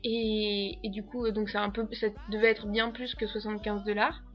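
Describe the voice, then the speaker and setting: A woman's voice: medium pitch, level tone, moderate pace, dull audio, soft background music. A young French woman, an au pair, chatting casually to camera with a French accent, rambling with lots of fillers and frequent giggles. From France. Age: young adult. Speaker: au pair vlogger.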